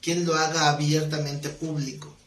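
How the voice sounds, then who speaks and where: A man's voice: on the high side, little pitch movement, moderate pace, fairly bright tone. A man teaching an exegetical Bible study class, explaining passages, reading scripture aloud and putting questions to the class. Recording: roomy echo with faint noise.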